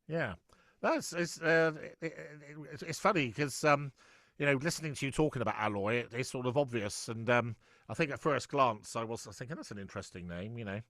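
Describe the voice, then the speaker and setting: A middle-aged man hosts a casual interview, chatting and rambling with frequent stumbles and restarts. His voice is medium in pitch, brisk and a bit bright, recorded at studio quality with no room sound.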